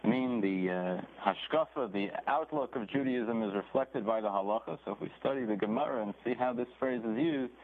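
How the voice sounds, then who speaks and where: A man gives a Torah lecture at a middling pitch, reading out phrases and translating each one as he retells a story. The sound is thin and phone-like, with a faint hiss underneath. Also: moderate pace, hardly any pauses. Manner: reads Hebrew phrases then translates, animated storytelling. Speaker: rabbi teaching a Torah class. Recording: tinny phone-like recording with faint noise.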